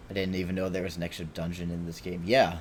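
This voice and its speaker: A man's voice: low voice, flat delivery, quick pace, slight background noise. A man streaming a video game, rambling and swearing as he talks to himself and his viewers. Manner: rambling, profane, self-talking. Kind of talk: casual gameplay commentary.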